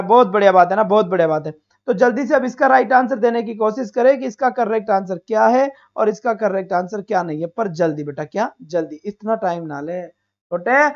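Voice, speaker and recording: A man's voice: very high voice, lo-fi sound. A male teacher leading a live online exam-prep class, coaxing students and answering his own questions.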